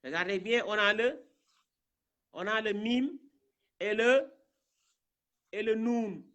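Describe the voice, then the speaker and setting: A man from Senegal gives a slow reading lesson, spelling out each syllable and repeating it patiently for his learners. His voice is bright and forceful, and he speaks at an unhurried, deliberate pace. He keeps checking in with short asides as he goes. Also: high-pitched, dull audio. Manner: patient and repetitive, often adding "hein" and "voyez bien". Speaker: Quran reading teacher.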